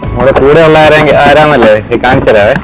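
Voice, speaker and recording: A man's voice: mid-range voice, fairly quick, over music, poor audio. A man with a Malayali accent doing casual travel vlog narration, mixing English words into his speech. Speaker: travel vlogger.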